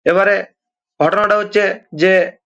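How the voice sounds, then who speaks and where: A man's voice: sits high, steady tone, slow pace, gravelly, fairly bright tone, lo-fi sound. A man telling a ghost story in a casual chat, repeating phrases for effect. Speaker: guest storyteller.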